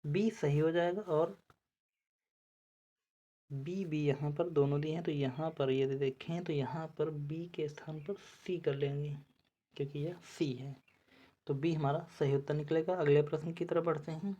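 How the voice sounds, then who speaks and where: A woman's voice: low-pitched, steady tone, a little slow, mellow, husky, highs cut off. A woman teacher working through spelling quiz answers for exam preparation, methodical and repeating each word as she checks the options.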